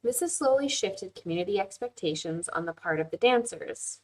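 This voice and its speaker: A woman with a medium-pitched, slightly mellow voice and lively intonation speaks at a normal speed while running a casual live online class. Chatty and candid, she works through viewer comments, laughing easily and saying "um" often.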